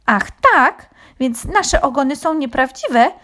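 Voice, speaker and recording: A woman's voice: on the low side, expressive, slow pace. A woman voicing a flock of easily offended hens in a children's story. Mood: indignant. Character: touchy, indignant flock of hens.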